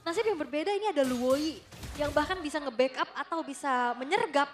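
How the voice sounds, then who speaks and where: A woman working as an esports caster, giving animated commentary and analysis of a game match. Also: high-pitched, a little fast. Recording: music behind the voice. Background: music.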